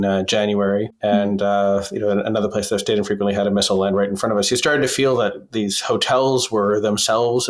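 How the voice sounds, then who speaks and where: A lower-pitched male correspondent calls in over a phone line from a basement. He talks in a measured way, with frequent "uh"s and restarts. He sounds like a field reporter briefing a studio host. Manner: measured, with many fillers and restarts. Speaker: foreign correspondent. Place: basement in a war zone.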